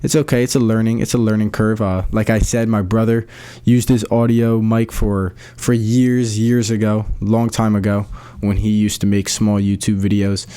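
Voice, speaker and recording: A man's voice: lowish voice, little pitch movement, normal speed, dark tone, smooth. A young man hosting a casual solo podcast, rambling with many fillers and restarts in slangy talk, recorded at home on a USB microphone. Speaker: podcast host.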